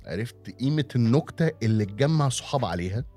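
A man's voice: mid-range voice, lively intonation, fast, dark tone, faint music behind. A man with an Egyptian accent chatting casually and bantering, repeating phrases for emphasis. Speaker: stand-up comedian and amateur rapper. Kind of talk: casual chat.

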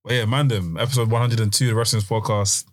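A man with a London roadman accent hosts a laid-back chat show. He talks very quickly in a fairly low voice, full of slang and repeated phrases. The sound is dry, with little room on it. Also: steady tone, no echo. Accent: London roadman, multicultural London English. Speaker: podcast host. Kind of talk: casual wrestling podcast chat.

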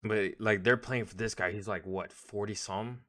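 A man's voice: fairly low pitch, steady tone, normal speed, sharp tone. A man co-hosting a casual sports podcast, rambling and restarting his phrases, swearing now and then. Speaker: podcast co-host.

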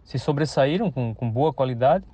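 With a medium-pitched, mellow voice, animated and moderately paced, a farmer in his 50s from Santa Catarina, Brazil, casually relates his story. There's no room sound, though the radio interview audio is dull and lo-fi; he hesitates, restarts a lot, and uses many tag questions.

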